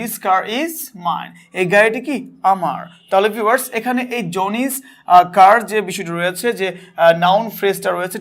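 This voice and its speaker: A man with a Bangladeshi accent teaching an English grammar lesson, asking questions and answering them himself, and reading example sentences slowly. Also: sits high, fairly bright tone. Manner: asks and answers his own questions.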